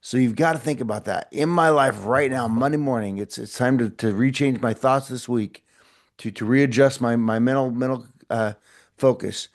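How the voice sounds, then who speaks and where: Medium pitch, moderate pace: that's the middle-aged man fronting this brief motivational podcast. He chats to camera earnestly and encouragingly, repeating phrases and starting over frequently.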